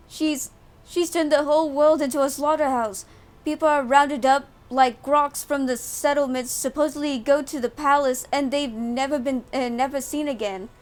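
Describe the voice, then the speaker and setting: A desperate young male rebel from a video game begs for mercy in a pleading, breathless voice, read out by a woman. The tone sits high. The read stays close to an everyday speaking voice. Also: lightly acted.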